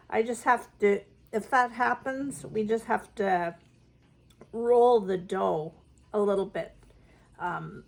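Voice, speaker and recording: Slow-talking woman baking at home. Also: medium pitch, gravelly, darkish tone. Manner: homey, chatty, step-by-step. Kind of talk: casual cooking demonstration.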